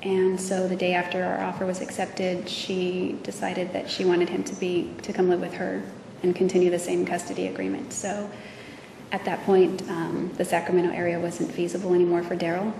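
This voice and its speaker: A woman testifying as a witness, speaking hesitantly with many pauses and fillers, in a courtroom recording. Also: on the low side, monotone, gravelly. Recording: echoey courtroom audio from far off with noise.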